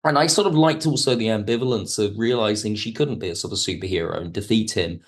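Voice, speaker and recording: A fast-talking man with a low-leaning voice is the guest, an audio drama writer in a reflective podcast conversation. He circles back to ideas and rephrases them as he explains.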